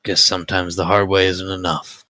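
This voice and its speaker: A man voicing a weary, hard-drinking gambler in brooding, drawn-out dramatic role-play narration. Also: sits low, little pitch movement, pushed and bright, no echo.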